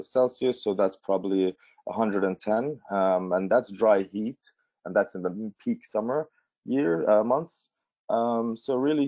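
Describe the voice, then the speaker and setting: A man's voice: on the low side, mellow, no echo. A man from Jordan presenting travel tips in a casual webinar, with many fillers and restarts. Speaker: tourism board presenter. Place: Washington D.C. remote setup. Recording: dull lo-fi audio.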